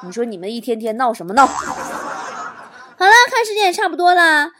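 A woman's voice: high voice, fairly quick, noisy background. A woman hosting a talk show, telling jokes and funny stories in a comic monologue, acting out the quoted lines. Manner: lively, acts out quoted lines with laughs.

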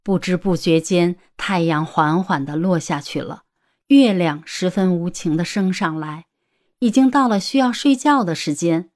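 A woman narrating an audiobook romance story in a steady storytelling manner. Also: lowish voice, a little slow.

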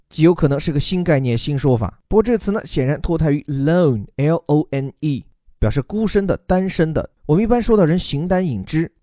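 Male podcast English teacher, somewhat high voice, patient explainer, dry booth sound. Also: mellow, dry recording. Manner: explains patiently, mixing Chinese with read-out English. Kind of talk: podcast lesson explaining a news article.

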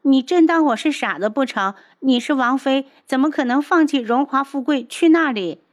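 一位女性朗读者演绎一个黏人又爱哭诉的年轻女子，语气哀求。. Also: female voice, sits high, expressive, moderate pace, pitched above the performer's own voice. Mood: whiny pleading. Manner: tearful pleading. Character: whiny clingy young woman.

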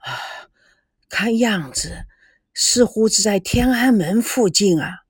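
A woman voicing a reserved elderly grandfather who talks slowly and quietly. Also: expressive, husky, dry recording, clean studio sound. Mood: startled. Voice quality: slow, low, measured.

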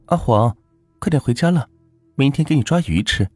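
A man puts on an eager young village boy in a storybook ghost tale, calling out in a lifted, lively voice. The recording is dry and close, with faint music under it. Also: normal speed, no room sound, close to an everyday voice. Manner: high, bright calls.

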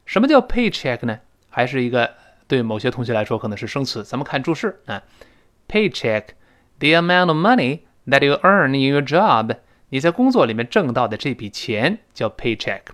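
A man's voice: mid-range voice, very animated, moderate pace, fairly bright tone. A middle-aged man teaching an English lesson, explaining pronunciation and repeating drills.

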